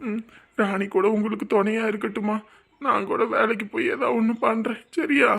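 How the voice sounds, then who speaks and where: Actor as dutiful village son, gravelly and husky, gentle and reassuring. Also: male voice, sits high, flat delivery, normal speed, full character voice. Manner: gentle, reassuring, repeats "சரியா?". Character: dutiful young village man leaving for work. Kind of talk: web drama acting.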